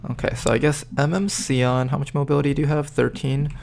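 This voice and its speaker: A man's voice: on the high side, little pitch movement, brisk, creaky, a little mellow, slight background noise. A man giving casual gameplay commentary as a gaming YouTuber.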